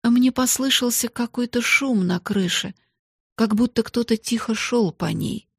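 A woman's voice: a little high, unhurried, husky, dry recording, studio quality, pitched above the performer's own voice. A woman voicing a proud, restrained young girl in hard times, speaking earnestly in a storybook reading. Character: proud, sharp-eared poor young girl.

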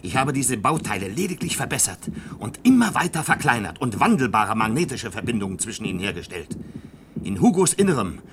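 In a German science-fiction radio play, a man plays a proud, defiant inventor who lectures in a pedantic, impassioned way. His mid-range voice is sing-song, a bit bright and a little fast, and the old recording is very noisy.

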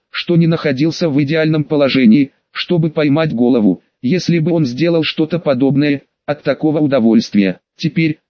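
A man narrating an audiobook in a steady, even read-aloud way, his voice sitting a touch high. The recording sounds dull and lo-fi, and it is close and dry. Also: no echo. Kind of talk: scripted narration.

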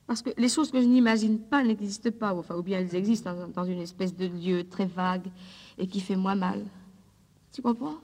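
A woman's voice: mid-range voice, moderate pace, darkish tone, close to an everyday voice. An actress plays an abandoned woman clinging to a phone call with her departing lover. She speaks in an intimate, pleading, fragile way in a mid-range voice. The old 1950s recording carries a long, echoing reverb. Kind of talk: 1950s recorded drama monologue.

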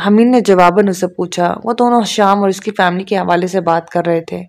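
A woman narrating a novel as an audiobook in a steady, even reading manner. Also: fairly low pitch.

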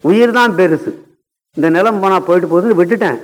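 A man's voice: high-pitched, quick pace. A man in his seventies giving a music lecture-demonstration, telling stories and constantly putting rhetorical questions to his audience. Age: 70s. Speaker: Carnatic singer and lecturer. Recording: long hall reverb.

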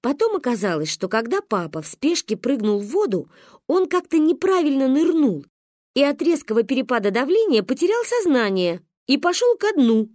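A woman reads a funny storybook aloud, her voice fairly high and very lively, swinging up and down as she tells it. The recording is close and dry, with no room sound. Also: normal speed, no room sound. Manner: lively, expressive telling. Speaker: audiobook narrator. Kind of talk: storybook narration.

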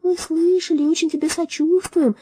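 A woman voicing a gentle, earnest green mouse in a storybook, speaking in an explanatory way. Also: very high voice, steady tone, fairly quick, voice pushed up.

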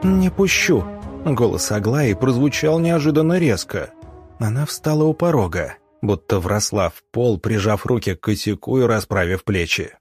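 A man doing scripted audiobook narration in a steady, measured reading. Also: lowish voice, soft background music.

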